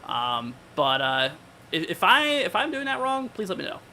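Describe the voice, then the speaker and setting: Bright, higher-voiced man giving casual weather commentary. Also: wildly swooping pitch, normal speed, slight background noise. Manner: informal, conversational, thinking aloud. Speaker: weather livestream host.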